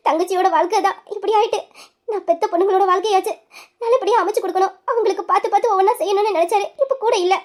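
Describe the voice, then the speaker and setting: A high young voice playing a widowed sister-in-law who consoles a younger woman in a soothing, motherly way. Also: darkish tone.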